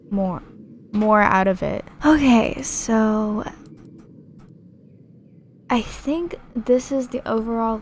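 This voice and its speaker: A chatty young woman talks over her gameplay with a slightly high voice, rambling and restarting her sentences. She reads viewers' comments aloud and gives her opinions in loose, filler-heavy speech. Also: a little hiss or hum. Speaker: gaming YouTuber.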